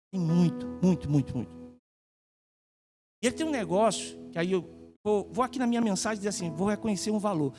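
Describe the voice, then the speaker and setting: A middle-aged man with a Brazilian Portuguese accent preaching in a church, joking and chatty, with lively quoted asides. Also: on the high side. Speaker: guest pastor. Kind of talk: sermon. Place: church sanctuary.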